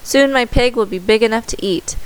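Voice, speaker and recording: A woman's voice: fairly high pitch, fairly quick, clean tone, natural voice, rough recording. A woman reading the lines of a smug, greedy younger farm son in a storybook, in a gloating manner.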